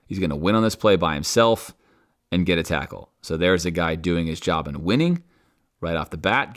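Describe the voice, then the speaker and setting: Deep-voiced man breaking down game film. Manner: animated, acts out coaches and players in quoted asides. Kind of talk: film review commentary.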